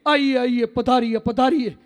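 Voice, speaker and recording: A man voicing a sleepy, overly polite male house host who welcomes guests in an unhurried, courteous way. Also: very high-pitched, steady tone, long reverb tail.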